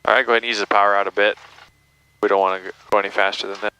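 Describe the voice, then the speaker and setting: Rapid-fire and fairly low-pitched with little pitch movement, this flight instructor's voice is bright, forceful, clear, and resonant, though the recording is rough. Through an aviation headset in a small airplane cockpit, in flight and taxiing, he gives hands-on, step-by-step coaching, encouraging and frequently checking in with tag questions.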